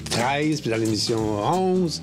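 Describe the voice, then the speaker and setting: A man's voice: medium pitch, animated, slow. A man chatting informally as an auction buyer on a reality show. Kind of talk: casual reality show commentary. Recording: loud guitar music over the voice.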